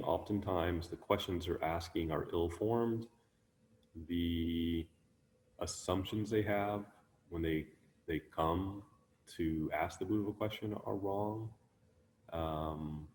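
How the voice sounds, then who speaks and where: A man giving a relaxed, conversational Buddhist teaching online, musing aloud with many ums and restarts. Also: low-pitched, in a large hall, slight background noise. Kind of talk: conversational dharma talk. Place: online talk, sharing his screen.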